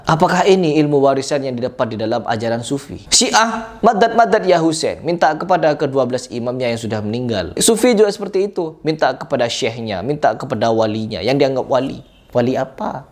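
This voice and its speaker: Man, reaction commentary, preachy, indignant, somewhat high voice. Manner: indignant, preachy, rhetorical questions. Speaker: religious commentator reacting to videos.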